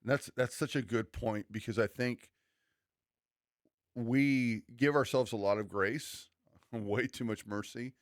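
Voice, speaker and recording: Speaking slowly at medium pitch, a pastor co-hosting a church podcast keeps things earnest, conversational, and preachy. He restarts a lot and dramatizes quoted remarks, recorded in studio quality with no room sound.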